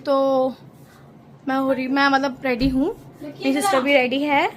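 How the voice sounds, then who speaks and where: A woman's voice: high voice, level tone, a little slow, background noise. A woman hosting a casual family vlog at home, talking chattily into a handheld phone camera and playfully teasing and scolding those around her. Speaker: vlog host and mother. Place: at home, indoors.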